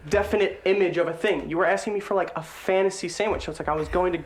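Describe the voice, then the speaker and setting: A fast-talking podcast co-host who argues back defensively. The voice sits at a middle pitch. The talk is quick, loose and conversational. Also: fairly even intonation. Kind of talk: casual chat.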